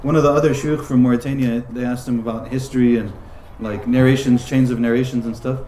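A man delivers a religious lesson in an easygoing, conversational tone, leaning on frequent asides to the room. His voice sits at a middle pitch with a mellow, darker color. The sound carries a noticeable echo from the space around him. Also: steady tone, fast talker, a little hiss or hum. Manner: conversational, many "like" and "right?" asides. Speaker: religious teacher. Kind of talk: casual religious lecture. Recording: roomy echoing room.

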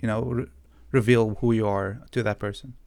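A man's voice: fairly low pitch, fairly even intonation, moderate pace, creaky, darkish tone, no room sound. A man co-hosting a podcast, chatting casually and slipping into joking, mock-dramatic rants. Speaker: podcast co-host. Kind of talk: casual chat.

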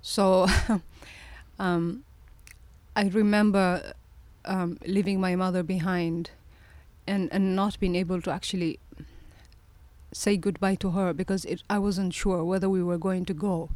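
A woman in her forties from Somalia speaks as an interview guest, her voice sitting fairly low. She tells her story reflectively, circling back on words and laughing softly now and then. The sound is close and dry, with no room around it. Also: little pitch movement, a little slow, no echo. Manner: reflective, with frequent restarts and soft laughs. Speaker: guest, presidential candidate.

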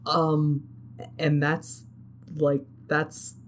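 A woman's voice: low-pitched, completely flat delivery, very slow. A woman in casual chat, recapping a video game's story with a co-host, swearing freely and acting out characters' lines. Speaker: podcast co-host recapping a game.

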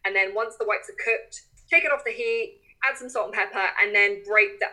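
A woman's voice: mid-range voice, brisk, pushed and bright, poor audio. A woman guest in a casual interview chat, talking informally and correcting herself as she goes. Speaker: podcast guest.

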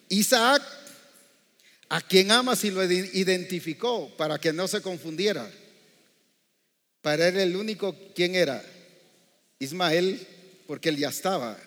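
A male preacher delivering a sermon in a church, often quizzing the congregation with rhetorical questions. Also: on the high side. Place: church hall. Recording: echoey hall reverb.

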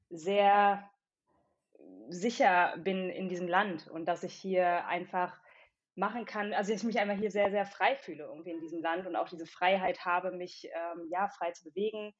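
A woman from Berlin, a company founder, talking as a podcast guest in a thoughtful, hesitant way with many filler pauses. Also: medium pitch, muffled recording. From Berlin, Germany. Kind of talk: casual interview chat.

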